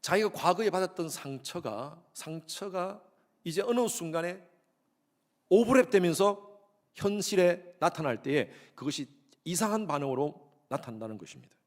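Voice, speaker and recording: A man's voice: high voice, animated, normal speed. A middle-aged man preaching a Sunday sermon as pastor, emphatic, repeating key phrases and asking the congregation questions. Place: church sanctuary.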